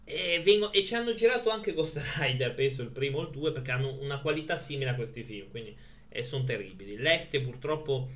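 A man's voice: mid-range voice, a little fast, a bit bright. A man hosts a film review video in casual, hesitant, rambling chat with blunt slangy asides, while suffering from a headache.

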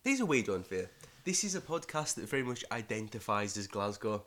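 A man's voice: on the low side, very animated, brisk, fairly bright tone. A man from Middlesbrough with a Teesside accent, hosting a casual podcast in an informal, rambling way. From Middlesbrough, England. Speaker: podcast host.

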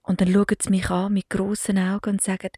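A Swiss woman in her forties with a Swiss German accent chats casually to the camera as a mother and vlogger, laughing often and slipping in English words. Her mid-range voice is mellow, monotone, and fairly quick. The recording is dry and clean, with studio sound.

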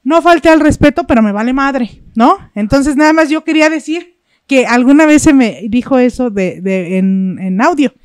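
A woman's voice: high voice, normal speed, darkish tone, clear, resonant tone, no room sound, studio quality. A woman with a Mexican accent, chatting and telling gossip in a playful, storytelling way as a co-host. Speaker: podcast co-host. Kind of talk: casual gossip chat.

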